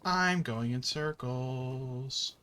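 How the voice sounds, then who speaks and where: A man's voice: mid-range voice, drawn-out words, sharp tone, clean tone. A man chatting casually while playing a video game, rambling with many fillers and the odd curse at the game. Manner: swears at the game. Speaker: gaming channel host.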